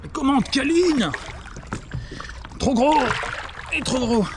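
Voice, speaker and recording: A young man exclaims nonstop as he films himself from a kayak on a river, talking straight to his action camera and to the fish. His voice sits fairly high. Faint water noise runs under the outdoor recording. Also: takes it slowly. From France. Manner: excitable, exclaims constantly, talks to the camera and the fish. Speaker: kayak angler filming himself. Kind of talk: excited vlog commentary.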